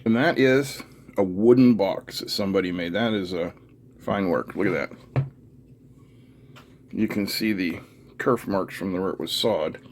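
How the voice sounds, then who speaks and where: A low-voiced, middle-aged man hosting an electronics teardown video speaks at a measured pace and pauses often. He casually mutters to himself through the unscripted hands-on work, captured in a noisy room with clicks.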